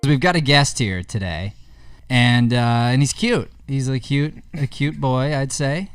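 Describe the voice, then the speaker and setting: A podcast host and acting teacher tells motivational stories in an earnest, emphatic, conversational way, his medium-pitched voice a little slow. It's casual podcast talk with soft background music.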